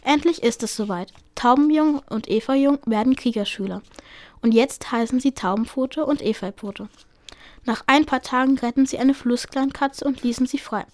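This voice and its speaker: A woman's voice: sits high, moderate pace, a little mellow. A woman reading a book excerpt aloud with small slips, then giving a short review. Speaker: book reader.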